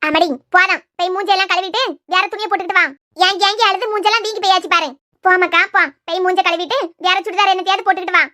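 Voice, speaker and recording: A woman with a Kanyakumari Tamil accent voicing a quick-tempered mother who scolds loudly in a cartoon series. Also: extremely high pitch, steady tone. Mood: bossy. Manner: loud, sharp, scolding. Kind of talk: cartoon web series dialogue.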